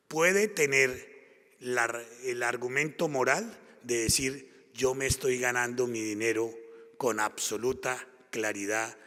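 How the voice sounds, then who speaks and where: Speaking at a conference, this man from Colombia gives a public lecture in a Colombian Spanish accent, his voice medium in pitch and fairly bright. He drives each point home emphatically, building up through repetitive phrasing. The hall adds a long, lingering reverb.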